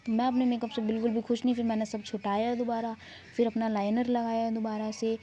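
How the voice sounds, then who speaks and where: A woman's voice: fairly high pitch, level tone, a little fast, mellow. A young woman narrating her vlog in a chatty, rambling, self-mocking way. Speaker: vlogger. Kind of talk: casual vlog voice-over narration. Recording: dull lo-fi sound, faint background noise.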